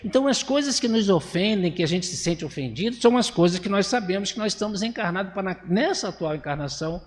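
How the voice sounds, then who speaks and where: Brazilian male lecturer with a slightly high voice and a long hall echo. Talks casually, poses rhetorical questions. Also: animated, quick pace. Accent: Brazilian Portuguese. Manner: conversational, asks the audience rhetorical questions; acts out voices and lowers his voice for effect. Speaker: spiritist lecturer. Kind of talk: religious lecture.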